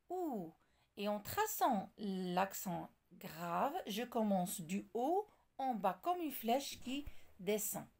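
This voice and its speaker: French teacher lady, slow and careful, going over examples one at a time, bit of vocal fry, pitch all over the place. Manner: slow, deliberate, spells out examples. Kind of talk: classroom lesson explanation.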